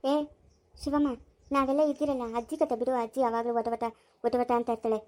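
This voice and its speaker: A woman doing a gentle consoling sister-in-law. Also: a little high, steady tone, fairly quick, pitched below the performer's own voice, close to an everyday voice. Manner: soothing, consoling. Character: kind elder sister-in-law.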